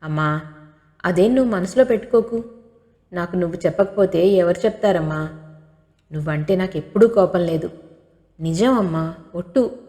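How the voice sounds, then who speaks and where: A woman reading the part of a caring young daughter who coaxes her mother softly, with a long hall reverb. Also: on the low side, normal speed, pauses often, lightly acted. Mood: tender. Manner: soft, coaxing, pitying.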